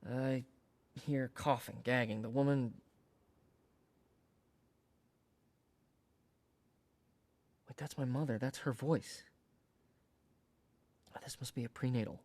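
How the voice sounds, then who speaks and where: An actor playing a distressed man in a counseling demonstration, talking haltingly with many pauses and fillers. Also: mid-range voice, fairly even intonation, darkish tone, lightly acted. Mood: realizing. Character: anxious young man reliving a painful memory. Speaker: preclear in a demonstration session.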